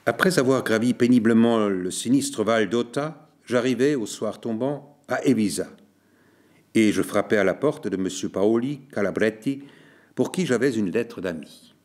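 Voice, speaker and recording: A man reading a literary story aloud as narrator, in a measured, deliberate way. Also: lowish voice, a little mellow.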